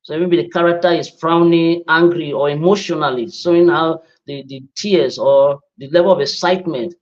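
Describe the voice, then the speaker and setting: A man, answering trainees' questions as a media trainer, halting and repeating words. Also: on the high side, fairly even intonation, lo-fi sound.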